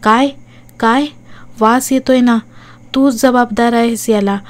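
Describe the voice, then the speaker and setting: A woman's voice: a little high, steady tone, slow. A woman voicing a vengeful, half-burnt female ghost who taunts and scolds her victim in a horror audiobook. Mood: spiteful taunting.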